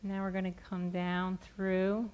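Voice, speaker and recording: A middle-aged woman gently and softly explaining a hands-on therapy demonstration step by step on stage. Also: medium pitch, little pitch movement, unhurried, clean tone. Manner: gentle, soft-spoken. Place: on a stage in a theatre, indoors.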